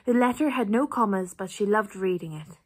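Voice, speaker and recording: A young woman with a Cork Irish accent and a husky voice, reading test sentences aloud in a careful, deliberate way. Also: mid-range voice. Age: young adult. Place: small bedroom, indoors.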